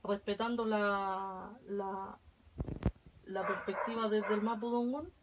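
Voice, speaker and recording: Slow, patient woman teaching. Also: medium pitch, fairly even intonation, slight background noise, low-quality recording. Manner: slow, patient, drills syllables aloud. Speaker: language teacher. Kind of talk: online language lesson. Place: home.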